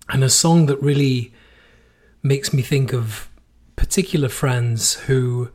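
A man from the United States with a hoarse, worn-out voice, hosting a podcast in a casual solo monologue. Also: mid-range voice. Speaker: podcast host.

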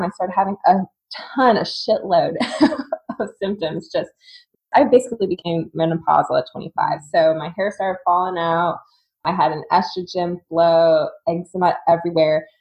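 A fitness coach from Singapore, a woman in her thirties, tells her story casually on a podcast, candid and chatty, with laughter cropping up mid-sentence. Her voice is fairly low and moderately paced, and the audio sounds dull.

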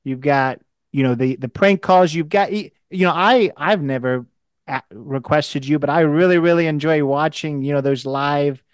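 Rambling male podcast host, smooth voice. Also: a little high, moderate pace, no echo. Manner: rambling, with many restarts. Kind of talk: casual interview chat.

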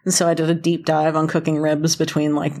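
Low, monotone and darkish, this woman's voice moves fairly quickly. She's a North Carolina native guesting on an interview, spinning casual stories in a chatty, informal, self-deprecating style.

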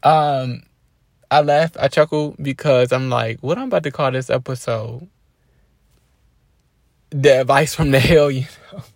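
A man hosting a podcast, giving a casual faith-based motivational talk with a relaxed, preachy delivery and frequent restarts. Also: mid-range voice, measured pace, gravelly, long pauses, no echo, studio quality. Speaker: podcast host.

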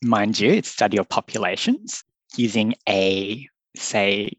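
A young Australian public health doctor speaks earnestly and thoughtfully in a podcast interview, with loose phrasing and frequent laughter. His lowish, fairly bright voice is unhurried, on a rough recording with no room sound.

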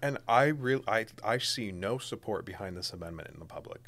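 A man's voice: on the low side, lively intonation, brisk, fairly bright tone. A young man, co-hosting a podcast in casual political chat, emphatic and sarcastic. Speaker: podcast co-host.

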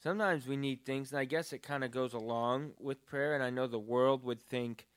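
A man's voice: medium pitch, steady tone, moderate pace, clean tone. A man talking about prayer in a casual, earnest and rambling way, with many fillers. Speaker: podcast co-host. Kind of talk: casual faith talk.

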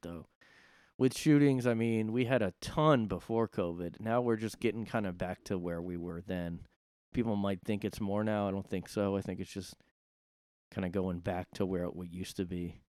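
A man with a smooth, clear voice sits in his room hosting a solo podcast, recorded close and dry. He rambles and swears freely, now and then jumping into loud outbursts. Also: low voice, dry recording. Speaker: podcast host. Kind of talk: casual solo monologue.

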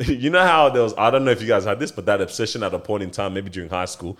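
A man's voice: lowish voice, quick pace, fairly bright tone. A man hosting a podcast in casual group chat, using slang and acting out remembered remarks. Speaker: podcast host.

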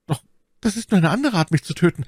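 A man's voice: high voice, expressive, fast, darkish tone, breathy edge, no room sound, studio quality, pitched above the performer's own voice. A man reading an audiobook, voicing a terrified, wounded male soldier who begs for his life. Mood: pleading. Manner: pleading, frightened.

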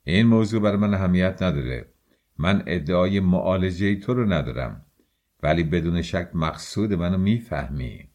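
A man doing a sly, probing older gentleman. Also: sits low. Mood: insinuating. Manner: calm, insinuating, lecturing. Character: sly worldly middle-aged man, probing and mocking.

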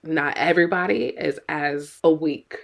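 A woman's voice: low-pitched, a little slow, vocal fry. A middle-aged woman co-hosting a podcast as a mother, talking earnestly and with worry, often repeating her words. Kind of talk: casual podcast chat.

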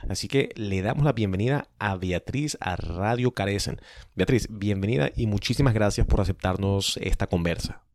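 Man from Venezuela, radio host, low mellow voice, formal announcer read. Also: normal speed, no room sound, clean studio sound. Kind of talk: community radio interview.

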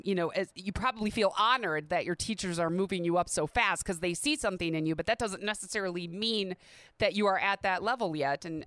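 A woman's voice: on the low side, a bit bright, smooth, no room sound. A woman hosting her own podcast, talking in a chatty, upbeat way with light laughs. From Midwestern United States. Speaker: podcast host. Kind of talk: casual solo podcast talk. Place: at home in a quiet neighborhood.

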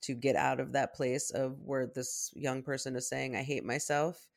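Therapist cohost, mid-pitched voice, thinks out loud, casual podcast chat. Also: level tone, normal speed, creaky. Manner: reflective, explaining, thinks aloud.

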